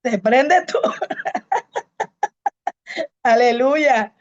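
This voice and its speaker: A woman's voice: mid-range voice, measured pace, a little mellow, no echo, muffled recording. A woman pastor and evangelist, giving a fervent preaching testimony to a congregation and repeating her key phrases. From Colombia.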